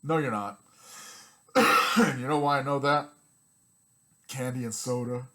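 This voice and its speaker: A man's voice: medium pitch, unhurried, fairly bright tone. A man ranting bluntly and repetitively in a vlog, coughing now and then, his throat strained from talking so long. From United States. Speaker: vlogger.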